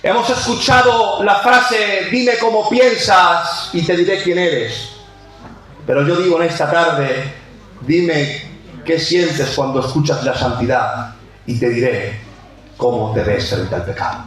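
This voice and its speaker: A man preaching a sermon with passion, swinging between shouted lines and low, intense ones and repeating key phrases. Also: slow pace. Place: church sanctuary. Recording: very echoey church hall.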